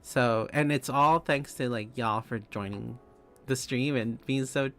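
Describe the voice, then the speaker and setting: A man's voice: medium pitch, a little slow, a bit bright, soft background music. A young man streaming live, chatting casually with viewers, giggling often and rambling through restarts.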